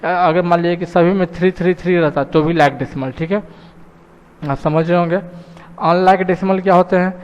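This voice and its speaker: A man's voice: sits high, fairly even intonation, normal speed, clean tone, long reverb tail, lo-fi sound. A man teaching a math lesson patiently, often checking in with his students. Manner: patient, repeats "thik hai" and "students" often.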